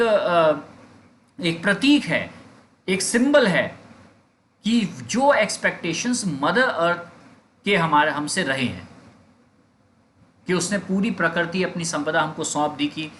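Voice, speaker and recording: A man explains English words in Hindi at an unhurried pace, repeating each one many times and pausing with fillers. His voice rings in an echoey room with faint ambient noise behind it. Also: high voice, a bit bright. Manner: slow, repetitive drilling of words with many fillers. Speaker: English vocabulary teacher. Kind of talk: Hindi-English vocabulary lesson.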